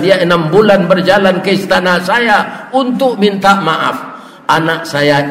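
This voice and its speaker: A man voicing a kindly old king moved to tears, speaking low and trembling, in an echoey hall. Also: a bit bright, far from the mic.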